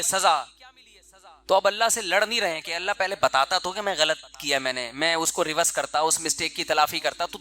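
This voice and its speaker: A middle-aged man giving a sermon in a conversational preaching manner, slipping into quick acted quotes of everyday people. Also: sits high, sharp tone. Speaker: Islamic preacher.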